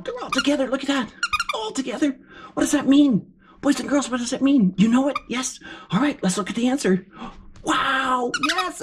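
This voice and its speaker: A woman voicing an excitable, encouraging furry puppet as a kids show host, with gasps and exclamations while teaching children. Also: high voice. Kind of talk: children's lesson, sing-out praise and questions. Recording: clear background noise.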